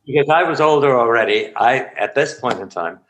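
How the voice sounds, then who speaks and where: Animated older man telling acting stories. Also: medium pitch, a little fast, slight background noise, low-quality recording. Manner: animated storyteller who acts out the people he describes. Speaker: acting coach. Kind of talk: storytelling interview.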